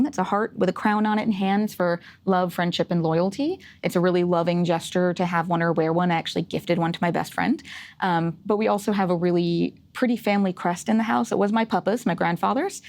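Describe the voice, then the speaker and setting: A woman's voice: lowish voice, fairly even intonation, fast talker, a little mellow. A woman in her thirties from Rhode Island, with no regional accent, chatting upbeat and encouraging as a guest on a workplace interview show. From Rhode Island, USA. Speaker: guest, associate data analyst. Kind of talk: casual interview chat.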